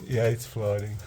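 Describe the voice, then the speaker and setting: Nervous, slow-talking man inside a concrete bunker. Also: fairly low pitch, warm tone. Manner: hesitant, nervous. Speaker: vlogger exploring. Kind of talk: casual chat while exploring. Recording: clear ambient noise inside concrete bunker.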